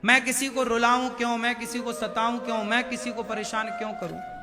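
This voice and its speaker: High-voiced preacher in a reverberant hall. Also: male voice, flat delivery, brisk, very noisy. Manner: chants Sanskrit verses, acts out dialogue. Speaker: Bhagavat Katha preacher. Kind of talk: devotional sermon storytelling. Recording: reverberant hall with music behind.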